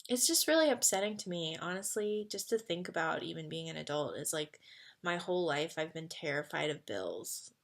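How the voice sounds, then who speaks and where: A woman in her twenties chatting casually as a vlogger answering fan questions, full of "like" fillers, moving between excited and quiet, earnest talk. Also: fairly low pitch. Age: 20s. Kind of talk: casual chat.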